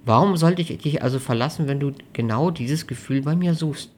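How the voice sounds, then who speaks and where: A reader of a German audiobook voicing a caring woman in her thirties who speaks softly and calmly. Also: medium pitch, fairly quick, pitched above the performer's own voice, close to an everyday voice. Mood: tender. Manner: soft, soothing, calm. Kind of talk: audiobook reading.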